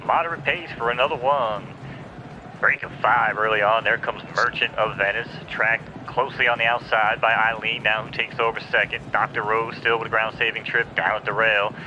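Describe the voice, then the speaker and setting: A man calling a virtual horse race live in a rapid, excited race-call delivery. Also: lowish voice. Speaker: race caller. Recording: dull lo-fi sound with clear background noise.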